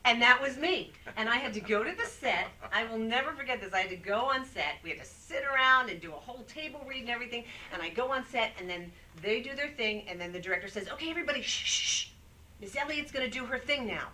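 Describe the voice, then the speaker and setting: Woman guest, voice-over pro, bright lively storyteller, off-mic live-stream sound. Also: a little high, quick pace, hardly any pauses, recorded from a distance, slight background noise, rough recording. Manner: animated storyteller, acts out quotes. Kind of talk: casual interview chat.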